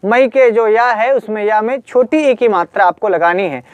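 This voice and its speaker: A man's voice: high voice, normal speed, no room sound, highs cut off. A man teaching a Sanskrit grammar lesson, drilling word forms in a sing-song chant for students to repeat. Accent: Hindi. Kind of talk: online grammar lesson, call and response drilling.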